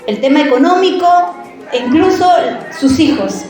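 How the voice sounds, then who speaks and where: Telling a personal story from the pulpit, a woman preacher speaks in a high voice at normal speed. The church adds heavy reverb, and her delivery stays animated and chatty, with regular questions aimed at the congregation.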